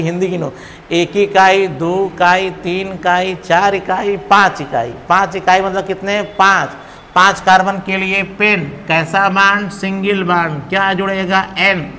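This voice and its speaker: In a classroom lecture, a male chemistry teacher speaks in a high, unhurried voice, counting aloud, quizzing the class and playfully teasing students he calls babu. A long hall echo rings over faint background noise.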